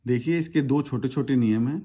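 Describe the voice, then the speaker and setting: A man's voice: medium pitch, brisk, dark tone, husky. A man teaching shorthand in a tutorial, patiently spelling out words syllable by syllable. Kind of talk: step-by-step tutorial explanation.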